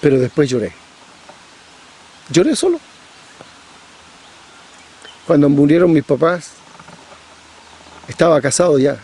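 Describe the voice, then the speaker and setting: Emphatic preacher man, soft husky voice. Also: fairly high pitch. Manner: emphatic repetition, rhetorical questions. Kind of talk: sermon.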